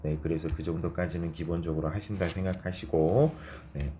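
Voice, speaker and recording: A man's voice: low-pitched, steady tone, warm tone, slight background noise. A man teaching an English grammar lesson, explaining step by step and asking and answering his own questions as he works through example sentences. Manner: reads English example sentences slowly, word by word. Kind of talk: recorded online grammar lesson.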